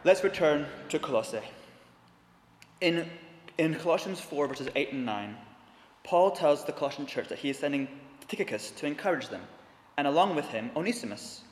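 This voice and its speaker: A man preaching a sermon in earnest, slowing down to stress key words. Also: a little high, lively intonation. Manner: earnest, slows down for emphasis. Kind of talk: sermon with dramatic reading. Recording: echoey hall with long reverb.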